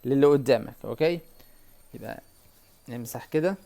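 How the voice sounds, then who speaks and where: Speaking with an Egyptian Arabic accent, a man gives an English lesson at a whiteboard, slowly repeating words and quizzing the viewer. His voice is mid-range, creaky, and mellow.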